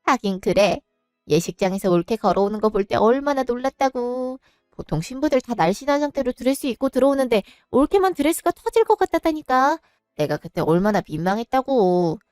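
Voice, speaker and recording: A woman's voice: a little high, animated, fairly quick, a little mellow, smooth, no echo, clean studio sound, soft background music, close to an everyday voice. Woman doing a teasing, breezy sister-in-law. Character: mocking young adult sister-in-law, breezy. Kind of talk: storybook voice acting.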